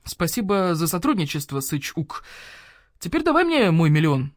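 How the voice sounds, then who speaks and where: A woman's voice: fairly low pitch, very animated, moderate pace, no echo. A woman narrator plays a hard-boiled badger-cat policeman, curt and menacing. He barks demands and threats with no patience. The audiobook sound is dry and close. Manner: brusque, threatening. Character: tough badger-cat police officer, gruff, impatient. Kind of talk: audiobook character voice.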